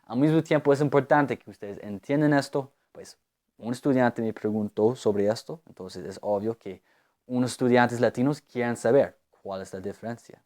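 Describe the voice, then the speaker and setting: A man from the United States, an English speaker, teaching English grammar and often pausing on fillers and repeating words. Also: mid-range voice, a little mellow. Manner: unhurried, hesitant, with many fillers and repeated words. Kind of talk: language lesson explaining grammar.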